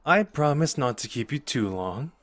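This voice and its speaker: In an ASMR roleplay, a man plays a cocky, playful young sorcerer who is protective underneath, speaking casually, teasingly, and intimately to the listener in an earnest, persuading mood. His natural voice is medium-pitched, animated, and fairly bright, at a moderate pace with no echo.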